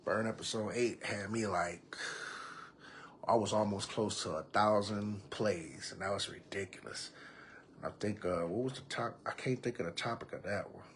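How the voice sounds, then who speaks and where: Easygoing male podcast host, low voice. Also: moderate pace, fairly bright tone, slight background noise. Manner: casual, drawling, reads comments aloud to viewers. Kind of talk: live-stream chat reading comments. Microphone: computer or phone mic on a live stream.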